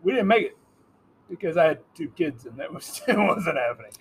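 A father of two chatting casually with friends, chiming in with quick remarks. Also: fairly high pitch, big pitch swings, slight background noise, poor audio. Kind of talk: casual chat.

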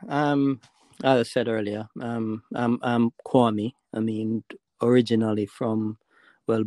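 A man from Jamaica, a podcast guest on a call line, talking about himself in a halting way with many fillers and restarts. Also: on the low side, warm tone, no echo. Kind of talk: casual interview talk.

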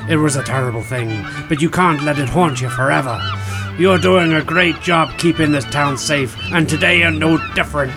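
Boozy old sea dog captain, growly pirate talk, done by a man, slightly high voice. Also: moderate pace, over music. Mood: fatherly. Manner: gruff pirate-style growls and bellowing.

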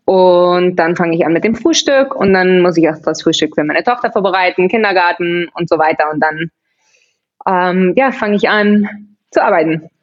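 A woman in her thirties from Barcelona, Spain, chats casually as a podcast guest, laughing often and restarting her sentences. Her lowish voice moves at normal speed, and the sound is lo-fi.

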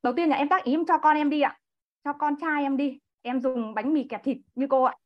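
A woman's voice: high-pitched, fairly even intonation, fairly quick. A woman in her thirties, chatty and polite, sharing a personal story in an online class over a video call. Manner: chatty, frequent restarts and polite particles. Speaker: class participant. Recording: dull lo-fi online call audio.

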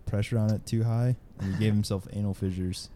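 Deep mellow-voiced young man, joking. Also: fairly even intonation, brisk. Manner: joking, argumentative, crude. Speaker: podcast co-host. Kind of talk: casual chat.

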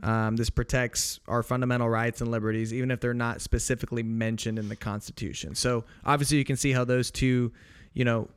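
Smooth-voiced rambling man. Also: mid-range voice, little pitch movement, fairly quick. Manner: loose and rambling, with restarts and jokey asides. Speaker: podcast co-host. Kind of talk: casual explanatory chat.

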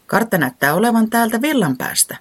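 A storyteller voicing a calm, sensible fox in a children's storybook, speaking in a matter-of-fact way. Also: medium pitch, pitched above the performer's own voice.

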